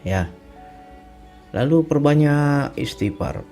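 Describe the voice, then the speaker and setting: A man's voice: fairly high pitch, lively intonation, takes it slowly, dark tone, soft background music. A middle-aged man giving an earnest spiritual testimony, repeating himself and adding tag questions as he reflects. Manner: earnest, repetitive, often adds tag questions. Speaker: speaker sharing a personal testimony.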